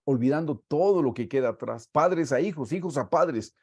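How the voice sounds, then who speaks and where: A man with a Guatemalan Spanish accent preaching a sermon, reading scripture aloud and stressing words slowly for emphasis. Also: on the high side, animated, a little mellow, breathy edge, no echo, clean studio sound. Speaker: pastor.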